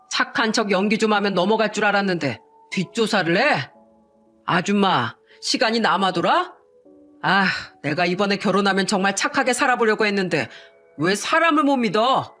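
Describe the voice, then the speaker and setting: A woman's voice: mid-range voice, expressive, moderate pace, fairly bright tone, faint music behind, lightly acted. A woman reading the lines of a young male con-man fiancé, mocking and threatening in a synthetic-sounding voice. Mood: sneering.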